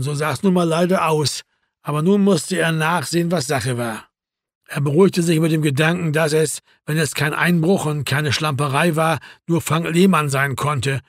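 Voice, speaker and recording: A man's voice: fairly high pitch, dry recording. Man narrating an audiobook, dry sound. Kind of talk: scripted narration.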